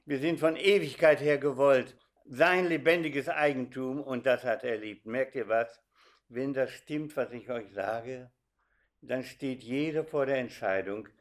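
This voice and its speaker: An older man giving a sermon, telling stories and speaking directly to his listeners. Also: medium pitch. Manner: animated storytelling, addresses audience directly. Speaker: preacher.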